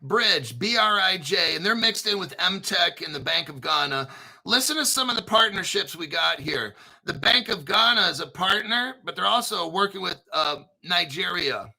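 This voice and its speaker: A man hosting an informal crypto commentary, talking through articles in an excitable, sarcastic way, swearing and often clearing his throat. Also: high-pitched, normal speed, low-quality recording. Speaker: crypto video host.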